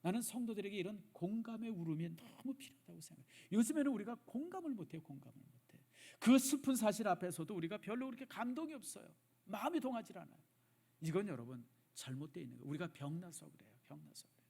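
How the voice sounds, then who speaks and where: A middle-aged male pastor preaching in a church, emotive, dropping from loud emphasis to hushed, near-whispered repeats. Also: high voice, expressive, quick pace, gravelly, husky. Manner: addresses the congregation directly, repeats phrases for emphasis. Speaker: senior pastor. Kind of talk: sermon. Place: church sanctuary.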